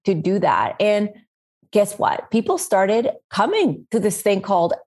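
A woman's voice: mid-range voice, big pitch swings, a little slow, a little mellow, husky. Casting: woman in her 40s from Spain, podcast guest, chatty and rambling with "right?" tags. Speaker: guest, meal-planning website founder. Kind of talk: casual podcast interview.

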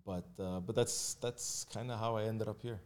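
Man, very low voice, podcast guest, casual candid chat, lots of fillers. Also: steady tone, moderate pace, clean tone. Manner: candid, conversational, with frequent fillers and restarts. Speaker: mortgage agent and realtor guest.

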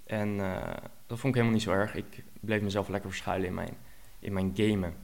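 A man's voice: sits low, steady tone, brisk, gravelly, a little mellow. A man in his twenties, a guest coach, tells his personal story frankly and openly.

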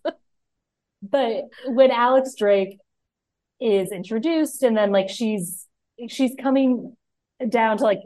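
Young woman, podcast co-host, casual rambling chat, middle pitch, dry recording. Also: a little mellow, no room sound. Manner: rambling, full of "like" fillers.

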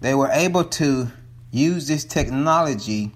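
This vlogger reviews a movie in a loose, swearing, talkative ramble with many restarts, a little winded as he heads up his townhome stairs, phone in hand. His medium-pitched voice is animated and a little slow.

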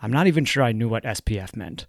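A man's voice: on the low side, animated, dry recording. Dry-voiced man reading his book. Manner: dry, wry, measured.

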